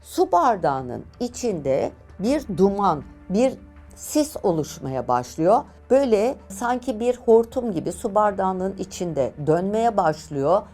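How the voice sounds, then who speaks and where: Lively woman telling a true-crime story. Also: medium pitch, faint music behind. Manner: lively, expressive retelling with dramatic pauses. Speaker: journalist and storyteller host.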